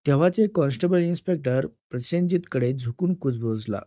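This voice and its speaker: Mellow male storyteller, dry sound. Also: mid-range voice, a little fast, no room sound. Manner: steady, dramatic storytelling. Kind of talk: dramatic Marathi story narration.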